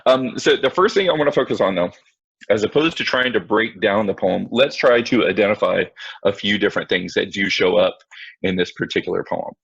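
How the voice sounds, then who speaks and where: A man's voice: fairly low pitch, brisk, vocal fry, a bit bright, slightly rough, dry recording. A male teacher giving a live online class lesson over a video call, talking to his students directly in a casual, self-mocking way. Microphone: computer mic on video call. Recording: dull lo-fi video call audio.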